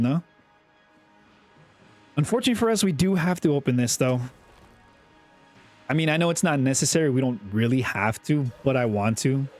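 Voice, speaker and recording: Chatty young man narrating gameplay. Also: on the high side. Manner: chatty, self-talking, repeats words, excitable. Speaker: gaming YouTuber. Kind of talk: casual gameplay commentary.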